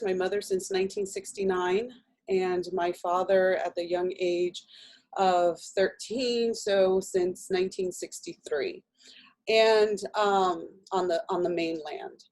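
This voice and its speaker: A woman from New Jersey, Spanish her first language, speaking on a panel with many pauses. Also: medium pitch, darkish tone. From New Jersey, United States. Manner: measured, many pauses and fillers. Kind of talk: panel discussion.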